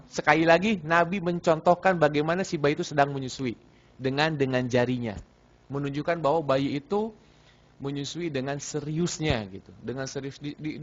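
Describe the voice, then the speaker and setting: A man with a somewhat high voice leads a relaxed religious study session in a mosque. He repeats phrases, tosses questions to his listeners and teases them. The recording sounds muffled and lo-fi. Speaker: preacher. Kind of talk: Sunday morning religious study talk.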